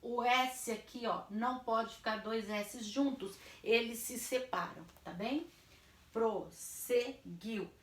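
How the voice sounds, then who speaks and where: A woman's voice: on the high side, unhurried, hardly any pauses, reverberant. A woman teacher with a Brazilian Portuguese accent gives a class lesson for children. She stretches words out syllable by syllable and answers her own questions. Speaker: primary school teacher.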